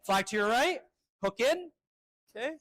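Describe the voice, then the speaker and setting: A male fencing instructor running a live drill with crisp, short commands and encouraging words. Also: very high-pitched, animated, normal speed, a bit bright, no echo, studio quality.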